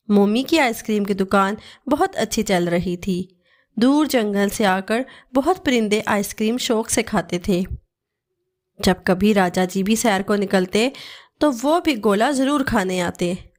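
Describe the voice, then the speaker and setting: A woman narrating a children's cartoon story in a steady, scripted storytelling manner. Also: medium pitch.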